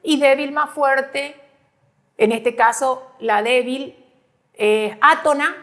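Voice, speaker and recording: A woman teacher presents a grammar lesson over slides, patiently repeating points and checking understanding with short hums. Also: high voice. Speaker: school teacher.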